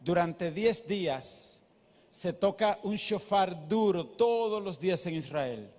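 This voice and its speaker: Male pastor, high voice, emphatic sermon style, long church-hall echo. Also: expressive, slow, darkish tone. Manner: emphatic, questions the congregation.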